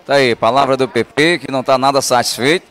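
A man reporting live from a football pitch into a handheld mic, repeating words as he searches. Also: fast talker, a bit bright. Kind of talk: live, improvised reporting and interviewing. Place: outdoors on a football pitch at night. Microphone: handheld reporter microphone.

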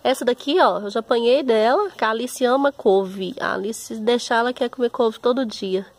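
A Brazilian woman vlogging from her backyard garden, talking casually and warmly to her viewers and often calling out to them. Her voice sits a touch higher than most women's. She sounds homely and relaxed as she walks the viewers around her plants. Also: moderate pace. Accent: Brazilian Portuguese. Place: home backyard garden, outdoors.

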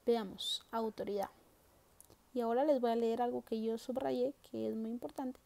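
A woman teaching a Bible lesson to primary school children, explaining slowly, stressing key words and asking rhetorical questions. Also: fairly high pitch, fairly even intonation, gravelly, warm tone. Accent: Central American Spanish.

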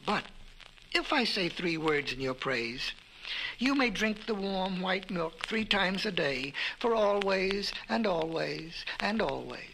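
A man's voice: high voice, expressive, slow pace, creaky, sharp tone, slight background noise, exaggerated voice, rough recording. A man voicing a wise, mocking cave woman in a storybook reading on an old vinyl record, speaking in a firm, teasing way. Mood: bargaining. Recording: vintage vinyl record with music.

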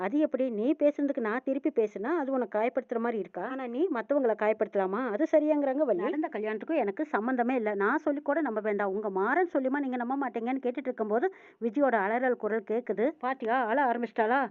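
A serial recap narrator with a fairly high voice talks fast as she retells a TV episode, voicing each character's lines along the way. The sound is dry and tinny, like a phone, with no echo.

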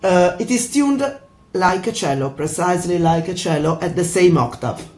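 A woman's voice: on the low side, animated, moderate pace, a little mellow. An Italian woman, native Italian speaker, answering interview questions over a video call from her home in the mountains, with a strong Italian accent, searching for words in English. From Italy. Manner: searching for words in a second language. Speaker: guest, violin maker.

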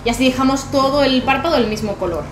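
Talking fast in a high-pitched voice, a young woman runs through a makeup tutorial as a beauty vlogger, chatting casually with a Spanish accent from Spain. She's a young adult filming indoors in a small bright bedroom, where the audio is echoey and background music plays.

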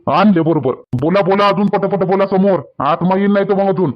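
A man's voice: sits high, fairly even intonation, a little fast. A man with a Varhadi accent acting in a rustic village comedy sketch, talking emphatically and repeating himself. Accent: Varhadi Marathi. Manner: emphatic and repetitive, pleading. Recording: dull lo-fi sound.

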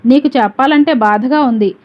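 A woman's voice: high voice, moderate pace, natural voice. A woman reading the part of a tearful frightened father. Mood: anguished. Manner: trembling, tearful pleading. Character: grief-stricken man, frightened father. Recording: dull lo-fi recording.

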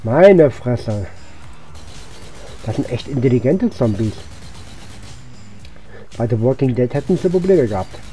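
A man hosting a gaming video offers casual commentary in short mutters, weak-voiced from coughing. His medium-pitched voice is warm and animated but a little slow, with frequent pauses, over game music.

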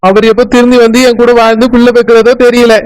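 A woman doing a quick chattering village girl. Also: a little high, little pitch movement, darkish tone, smooth, close to an everyday voice, low-quality recording. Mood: chatty. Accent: Kanyakumari Tamil. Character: chatty young village woman, teasing and lively.

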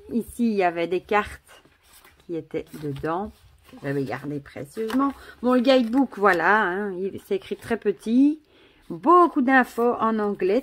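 A woman's voice: mid-range voice, a little hiss or hum. Casual vlogger, a woman with a Belgian French accent, gushing and chatty, mid-range voice. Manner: gushing, chatty, many exclamations and asides. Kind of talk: casual vlog, showing cards to camera.

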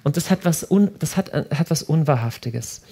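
A man giving a lively talk to a live audience, animated and often repeating himself as he restarts sentences. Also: fairly high pitch, normal speed, slight background noise. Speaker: speaker at a prayer house.

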